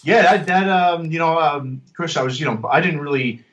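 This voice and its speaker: A man's voice: a little high, moderate pace, fairly bright tone. A man co-hosting a podcast in casual chat, rambling and filling his talk with um and you know. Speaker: podcast co-host and producer.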